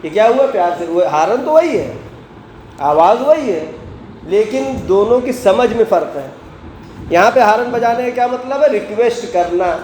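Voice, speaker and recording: A man's voice: high-pitched, expressive, a little mellow. A man preaching a Friday sermon, asking the congregation questions and answering them himself, with recited Quranic verses. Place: mosque. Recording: echoey mosque hall, faint background noise.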